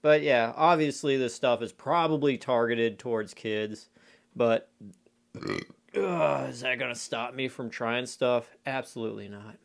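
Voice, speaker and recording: An adult man talks through a casual food review at a middle pitch. His delivery is conversational and rambling, as if thinking aloud, with plenty of everyday filler phrases. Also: measured pace, gravelly. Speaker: candy reviewer.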